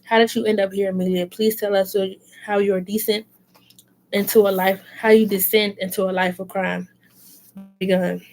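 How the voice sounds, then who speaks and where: A woman voicing a calm female journalist who questions an inmate in a measured way. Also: medium pitch, lightly acted.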